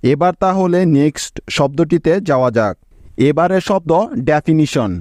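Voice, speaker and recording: A man's voice: on the high side, normal speed, darkish tone, no echo, clean studio sound. A man teaching an English spelling lesson, breaking each word into syllables and patiently checking that his students follow. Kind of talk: spelling lesson explained step by step.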